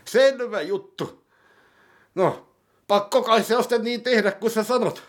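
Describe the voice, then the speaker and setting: A man's voice: high voice, pitched above the performer's own voice, lightly acted. A man voicing a fretful, easily worried character in a comedy sketch, complaining and asking anxious questions. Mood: whiny. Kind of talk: comedy sketch role-play.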